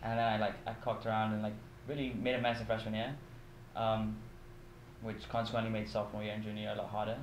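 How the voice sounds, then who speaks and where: Flat-voiced young man in an echoey room. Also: fairly low pitch, quick pace, dull audio. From Bahrain. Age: 20s. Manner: casual, self-deprecating, lots of "like". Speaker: college student interviewee. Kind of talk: documentary interview. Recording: echoey room, faint background noise.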